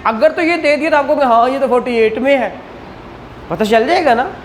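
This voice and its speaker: Speaking a little fast in a very high voice, a Pakistani-accented man delivers an exam-prep law lecture in a classroom. He teaches by frequently posing questions to listeners and repeating their answers. A little hiss or hum is audible.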